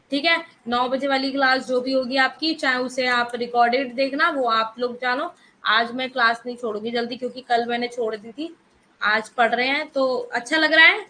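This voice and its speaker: Woman teacher, high bright voice, firm lecturing tone, faint background noise. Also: poor audio. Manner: firm, scolding students in a live chat; mixes Hindi with English terms. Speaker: economics teacher. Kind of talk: online class lecture.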